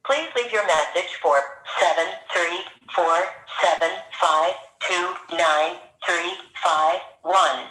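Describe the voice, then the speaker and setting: A crisp, very bright automated answering machine message, heard through a phone speaker that rings out in a room. It delivers stock voicemail prompts in a flat, evenly paced way, reading out digits one at a time. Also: medium pitch, takes it slowly, hardly any pauses, echoey room, low-quality recording. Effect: answering machine message played over a phone speaker.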